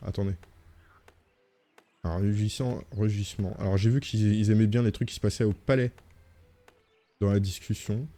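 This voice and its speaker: A male streamer with a lowish, mellow voice chats casually while playing a game. He reads on-screen text aloud and cracks jokes in typical gaming livestream commentary.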